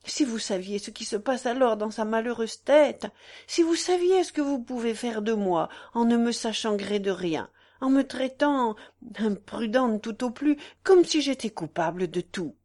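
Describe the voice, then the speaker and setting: A woman's voice: on the high side, expressive, normal speed, warm tone. A woman reading the part of a young wife defending herself, with pleading, earnest delivery.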